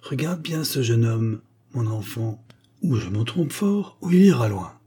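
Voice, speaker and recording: A man reading aloud and voicing a jovial, good-humoured elderly professor with a husky voice. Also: medium pitch, animated, measured pace, dark tone. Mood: admiring. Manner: cheerful, exclamatory.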